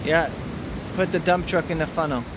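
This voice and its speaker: Holding a phone camera, a man records a small child playing outdoors on a sandy lakeshore beach and talks to the toddler casually, patiently going over simple instructions again and again. His voice is a little high, steady and moderately paced, amid wind and wave noise.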